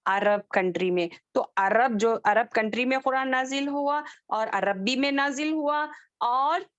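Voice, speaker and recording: A woman's voice: high-pitched, a little slow, fairly bright tone, no echo, muffled recording. A woman teaching a Quran recitation class online, patiently drilling letter sounds and asking the students if they follow.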